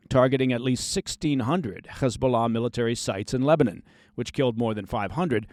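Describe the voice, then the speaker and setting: Male news host, mid pitch, scripted delivery, dry studio sound, sarcastic asides. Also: darkish tone, no room sound.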